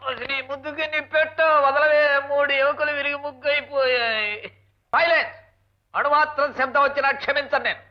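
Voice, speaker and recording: A high-voiced, sarcastic henpecked husband mutters insults and barks for silence in an old film comedy. The sound is dull and lo-fi, like an old movie soundtrack. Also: male voice, fairly even intonation, fairly quick. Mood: exasperated. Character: grumbling henpecked husband, a college lecturer. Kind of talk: 1980s film comedy dialogue.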